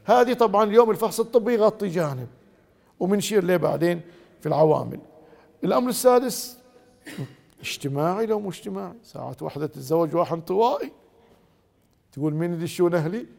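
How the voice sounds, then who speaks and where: Fast, gravelly Gulf Arabic lecturer. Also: male voice, sits high, in a large hall. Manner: acts out quoted spouses in lively dialogue. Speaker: religious lecturer. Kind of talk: religious lecture on marriage.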